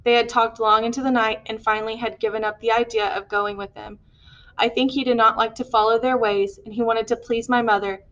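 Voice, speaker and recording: Audiobook narrator: woman, slightly high voice, earnest, steady. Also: brisk, muffled recording. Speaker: audiobook reader.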